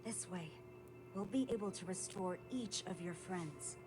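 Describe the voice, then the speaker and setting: A woman's voice: fairly low pitch, a little slow, close to an everyday voice. Actress as a solemn dream guardian woman over music. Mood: earnest, apologetic. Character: gentle female dream guardian, solemn and earnest. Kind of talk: scripted video game voice acting. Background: game music.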